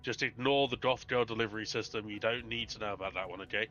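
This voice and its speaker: A man's voice: lowish voice, quick pace, sharp tone, lo-fi sound. A British man with a congested, tissue-plugged nose, chatting casually and self-deprecatingly as he hosts a live game stream. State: congested with a bad cold, tissue stuffed up his nose. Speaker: streamer, host.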